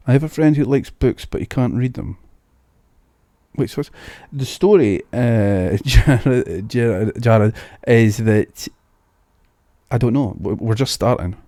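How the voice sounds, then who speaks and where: A man's voice: mid-range voice, warm tone, no room sound, studio quality. A Scottish man streaming a video game, chatting casually and musing aloud about what he sees. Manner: chatty, muses aloud, restarts words. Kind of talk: casual gameplay commentary. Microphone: new studio mic.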